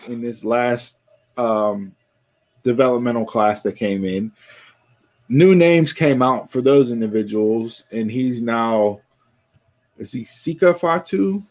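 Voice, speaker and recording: A man's voice: medium pitch, expressive, takes it slowly. A man hosting a casual wrestling talk show, rambling and restarting his sentences.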